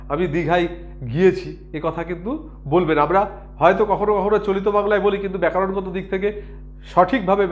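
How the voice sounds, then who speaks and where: A man. He explains slowly and patiently and repeats key words. He keeps asking whether his students have understood. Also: high voice, dull audio. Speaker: grammar teacher. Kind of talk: explanatory lesson.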